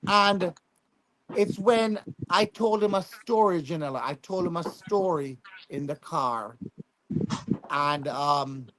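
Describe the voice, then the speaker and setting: High-voiced Jamaican man with Patois phrasing. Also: slow, background noise. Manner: emphatic, repeats phrases. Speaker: YouTuber interview guest. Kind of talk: casual storytelling in an interview.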